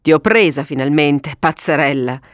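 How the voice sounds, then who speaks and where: A woman voicing a sensible, kindly middle-aged father who talks briskly and gives orders in a read-aloud story. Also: low voice, animated, dry recording, studio quality. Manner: brisk, commonsense, bossy.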